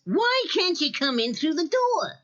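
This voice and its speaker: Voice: very high-pitched, sing-song, a little slow, a bit bright, heavily acted. An actor voicing a whiny, exasperated vampire duck count with a squawky voice for a children's audio story. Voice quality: squawky, cartoonish. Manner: whining, exasperated. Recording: muffled cassette transfer.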